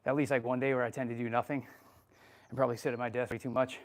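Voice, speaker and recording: A man's voice: mid-range voice, flat delivery, rapid-fire. A man answering live chat questions while working out at home, out of breath, casual and swearing freely. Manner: casual and profane, laughing often. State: out of breath from exercise. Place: home workout space.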